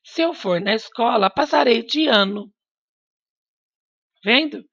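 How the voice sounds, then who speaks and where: A woman teacher talks slowly and patiently to young pupils, coaxing answers out of them with questions and gentle reminders. The sound is dry and a little dull, like a lo-fi home recording. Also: fairly high pitch, animated, dry recording. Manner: patient, coaxing, asks children questions and repeats prompts. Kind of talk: recorded remote class lesson.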